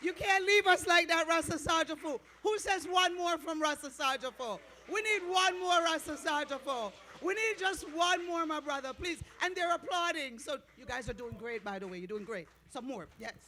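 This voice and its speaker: A man in the crowd calls out eagerly, his voice strikingly high and bright. He cheers the performer on and begs for one more piece. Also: moderate pace, hardly any pauses, a little hiss or hum. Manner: eager, calling out encouragingly. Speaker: audience member calling for more.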